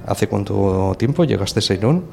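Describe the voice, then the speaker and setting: A man with a low voice interviews a language learner in a patient, teacherly way. He hesitates with fillers and stops to explain simple words. A faint hiss sits behind him. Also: animated, moderate pace, creaky, darkish tone.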